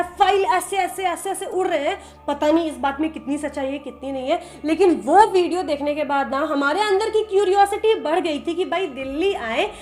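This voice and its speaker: A young woman tells a trip story to her viewers with a very high voice. She is animated and chatty and talks straight to the audience. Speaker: vlogger narrating a trip. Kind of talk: casual storytelling vlog.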